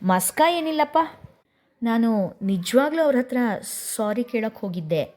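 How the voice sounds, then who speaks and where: A woman voicing a proud young woman who answers curtly and quickly. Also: a little high, animated, a little mellow.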